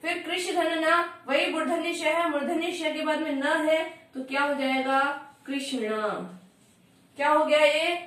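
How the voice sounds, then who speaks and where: A woman teaching an exam-prep grammar lesson in a high voice, stating each rule and then asking her own questions and answering them. She sounds far from the microphone, in a strongly echoing room. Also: flat delivery, moderate pace, few pauses, fairly bright tone. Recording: echoey room, far from the mic.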